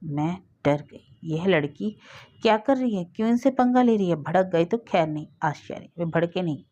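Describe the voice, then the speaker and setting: A woman's voice: fairly low pitch, animated, normal speed, warm tone. A woman narrating an emotional first-person story in an earnest storytelling manner. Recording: dull lo-fi audio.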